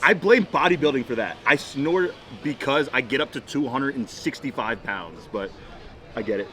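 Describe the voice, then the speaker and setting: A man's voice: medium pitch, expressive, normal speed, bright, forceful tone. Emphatic young man chatting casually. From Florida, United States. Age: 20s. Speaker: boyfriend in couples Q&A vlog. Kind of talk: casual couples chat.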